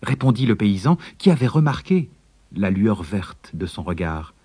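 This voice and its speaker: A man narrating a storybook in a measured, expressive way. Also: on the low side, breathy edge, dry recording.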